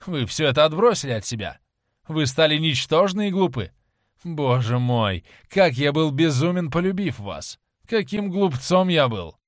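Cold, contemptuous young man, read by a man, loud and scornful, dry close recording. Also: a little high, sing-song, normal speed, no room sound. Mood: furious. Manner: scornful, raised voice. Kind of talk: audiobook reading.

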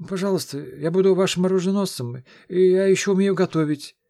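A man's voice: fairly quick, gravelly, dark tone, no echo. A sly young red-haired runaway begs in a raised, eager voice, as a man puts him on. The tone is clipped and dry, with no room around it. He sounds wheedling and keen to please. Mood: pleading. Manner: high, eager and imploring.

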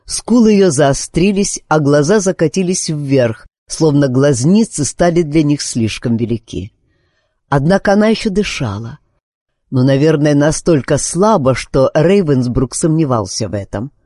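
A man reading a novel aloud in an expressive, measured narration. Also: on the high side, dry recording, studio quality. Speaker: audiobook narrator. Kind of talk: scripted narration.

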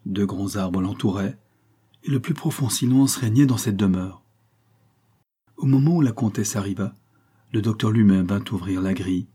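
A man narrating a novel with a low, dark and husky voice. He keeps a steady, even storytelling pace throughout the reading. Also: normal speed, long pauses. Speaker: audiobook narrator. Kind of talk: scripted narration.

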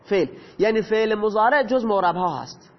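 A man's voice: high-pitched, expressive. A man teaching a grammar lesson, patiently explaining and asking his students questions that he then answers himself. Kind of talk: lecture explaining Arabic grammar. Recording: dull lo-fi audio with long reverb.

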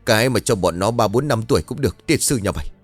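A man's voice: lowish voice, expressive, fast, no echo, faint music behind. A man voicing a stern old patriarch who scolds curtly. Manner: curt, scolding.

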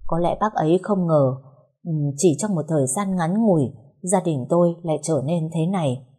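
Somber, husky-voiced woman narrator. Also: low-pitched, mellow. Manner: somber, measured storytelling. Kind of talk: scripted first-person narration.

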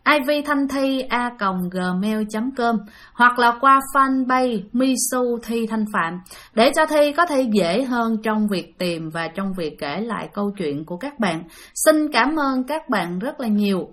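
A woman's voice: mid-range voice, a bit bright. A woman narrating a ghost story casually, often turning to address her listeners.

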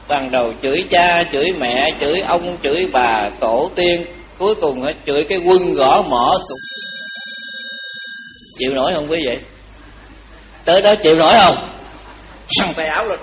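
A man giving a Buddhist dharma talk, telling a story lively and asking the audience questions. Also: high-pitched, a little hiss or hum, rough recording. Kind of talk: storytelling sermon.

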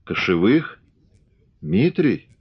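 A man's voice: sits low, animated, normal speed. Man playing a hot-tempered old Cossack father. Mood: bewildered. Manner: shouts and snaps, firm and commanding. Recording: dull lo-fi audiobook recording.

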